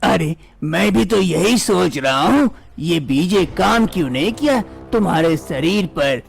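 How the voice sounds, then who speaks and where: A woman voicing an old male village healer in a cartoon story, calm and cautioning as he gives advice. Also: fairly low pitch, unhurried, gravelly, husky, dry recording, heavily acted. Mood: advising. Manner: advising, cautioning.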